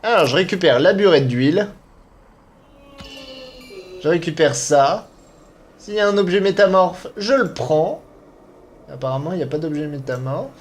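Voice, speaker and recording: Animated, higher-voiced male gamer. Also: normal speed, long pauses, a little hiss or hum. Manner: playful, exclaiming and muttering to himself. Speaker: video game player commentating. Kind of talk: casual let's-play commentary.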